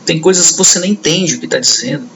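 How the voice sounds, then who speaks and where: A man's voice: fairly high pitch, quick pace, creaky, a crowd in the background, poor audio. A man giving a history lecture to students, talking conversationally and checking in with his class often. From northeastern Brazil. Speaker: history teacher.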